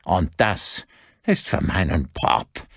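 A man voicing a cold, vengeful older man who speaks slowly and deliberately in an audiobook. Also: deep voice, big pitch swings, creaky, no room sound, studio quality, exaggerated voice. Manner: slow, deliberate, icy.

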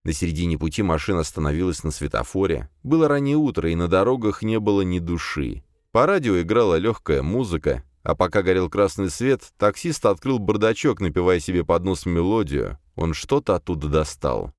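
Male audiobook narrator, very deep voice, lively expressive delivery, close dry recording. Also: brisk, hardly any pauses, no room sound.

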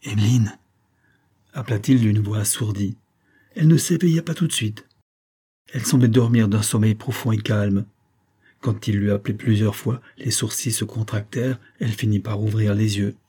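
A man narrates a gothic novel in a measured, literary reading. His voice sits low and dark, with a husky edge to it. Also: steady tone. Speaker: audiobook narrator. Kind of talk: scripted narration.

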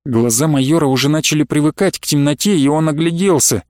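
A man narrating an audiobook in a steady storytelling read. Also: a little high, quick pace, no echo, clean studio sound. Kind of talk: scripted narration.

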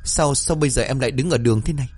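A man's voice: mid-range voice, racing, darkish tone, husky, no room sound, soft background music, voice pushed up, close to an everyday voice. A man voicing a frightened, confused young village woman in a read-aloud story. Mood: bewildered.

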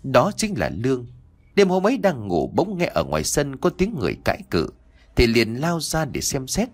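A man reads a dark tale aloud as an audiobook narrator. His husky voice rises and falls widely as he builds the drama. The delivery stays expressive throughout. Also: medium pitch, normal speed.

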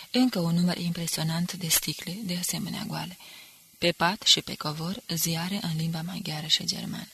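A woman narrates a novel in a measured, even audiobook reading. Her voice is low, husky and slightly gravelly, recorded dry and close. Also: no room sound. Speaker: audiobook reader.

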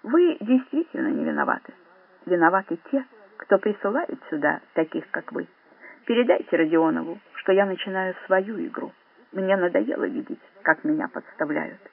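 A man's voice: high voice, animated, moderate pace, gravelly, heavily acted. A man doing a weary, cutting spy. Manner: cutting, contemptuous, tired. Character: weary, cold male professional agent. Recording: dry, phone-like narrow sound.

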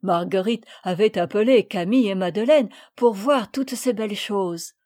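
A woman reading a children's classic aloud as an audiobook, in measured scripted narration. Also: medium pitch, warm tone. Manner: measured, listing items evenly. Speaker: audiobook reader.

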